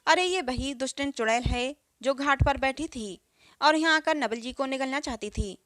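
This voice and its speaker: A woman reading the lines of frightened, gossiping village women, excited and chattering, in her own voice. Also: sits high, moderate pace, no echo, studio quality. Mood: alarmed.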